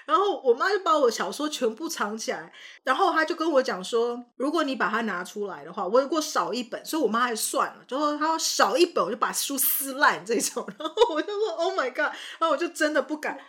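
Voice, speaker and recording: A young woman co-hosting a casual podcast, telling childhood stories in an animated way and acting out her parents' lines. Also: high-pitched, quick pace. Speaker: podcast co-host. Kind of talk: casual chat.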